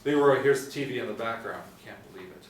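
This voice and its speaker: A middle-aged man with a medium-pitched voice reads scripted stage directions quickly, serving as narrator at a table read. He's seated in a small indoor room reading from a tablet, recorded on a distant mic in an echoey space with faint noise.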